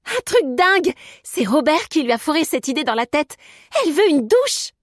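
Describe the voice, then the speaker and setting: A woman's voice: sits high, big pitch swings, moderate pace, no room sound, clean studio sound, pitched above the performer's own voice. A woman putting on a cheeky, mocking young chambermaid. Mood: teasing. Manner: teasing, laughing, sharp-tongued. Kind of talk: audiobook character voice.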